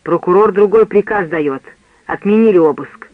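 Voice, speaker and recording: A man's voice: high voice, normal speed, dry recording, natural voice. A man voicing a frightened, timid man who whines and whispers anxiously in an audiobook. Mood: relieved. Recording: tinny phone-like dry sound.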